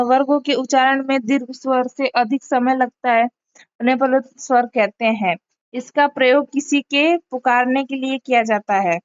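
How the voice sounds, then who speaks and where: A woman's voice: a little high, no echo. A woman teaching an online grammar lesson step by step, with many fillers and corrections along the way. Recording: muffled lo-fi audio.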